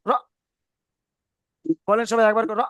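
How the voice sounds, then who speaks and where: A male tajweed teacher walks students through the letters, saying each sound again and again and checking that they follow. His voice is high and smooth. It sits close and dry on the mic. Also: fast talker, fairly bright tone, no echo. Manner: patient, repeats sounds and asks if understood. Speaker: Quran reading teacher. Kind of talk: online tajweed lesson.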